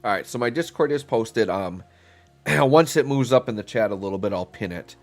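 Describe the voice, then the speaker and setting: At a normal speed and in a mid-range voice, a congested man recovering from a cold rambles casually through his live game stream. He stays relaxed, musing aloud with fillers, as faint music plays underneath.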